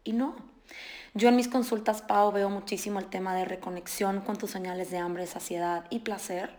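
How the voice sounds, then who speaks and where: A woman's voice: mid-range voice, moderate pace. A woman nutritionist, explaining in casual podcast conversation and acting out her patients' words. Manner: animated, explanatory, acts out patients' quotes.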